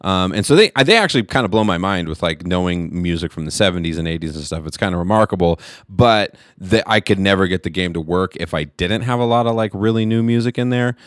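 A man's voice: sits low, lively intonation, fast talker, few pauses, no echo, clean studio sound. A man in his forties chatting casually as a podcast co-host, laid-back, laughing often and swearing freely. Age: 40s. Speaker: middle school teacher.

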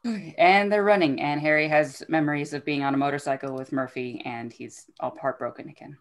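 A woman's voice: deep voice, fairly even intonation, brisk. A woman hosting a casual book discussion, retelling the plot in a conversational way. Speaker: podcast host recapping a fantasy novel.

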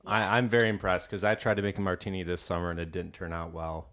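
Deep-voiced man, playful podcast co-host. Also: flat delivery, fast talker, fairly bright tone. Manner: playful, mock-formal radio voice. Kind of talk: casual chat. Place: home studio in the Midwest.

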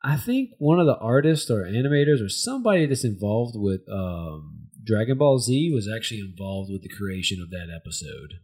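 A man's voice: fairly low pitch, sing-song, moderate pace, few pauses, a little mellow, breathy edge. An American man hosting a casual discussion, recapping in a rambling, hesitant way as he searches for words. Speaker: podcast host.

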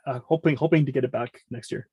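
Speaking as a podcast guest who also hosts a music podcast, this middle-aged man talks fast in a steady, medium-pitched voice that is slightly rough and a little mellow. The recording sounds muffled. His casual chat rambles along, and he keeps interrupting himself as he explains.

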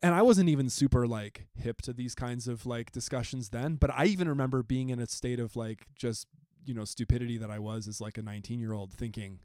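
A man's voice: medium pitch, brisk, hardly any pauses, dark tone, no echo, studio quality. A man co-hosting a podcast, telling stories in a hesitant, self-interrupting way with wry asides. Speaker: podcast co-host. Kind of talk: casual conversational podcast.

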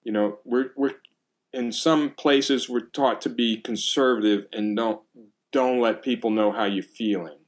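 A middle-aged man talking casually as a music teacher, animated and acting out exclamations while telling stories. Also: medium pitch, a little slow. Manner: animated storytelling, acts out exclamations. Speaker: percussion teacher. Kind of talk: casual conversation.

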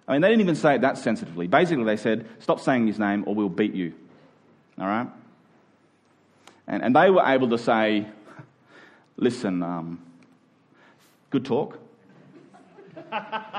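A man delivers a conversational sermon to a congregation in colloquial language, leaning on emphatic repeated phrases and dramatizing imagined exchanges. His voice is mid-range and a little mellow.

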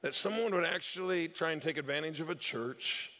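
The church's pastor preaches with a fairly high, sharp voice at a fairly quick clip, and the sound carries like a big room. His sermon unfolds as relaxed storytelling, with him performing the voices of those he quotes.

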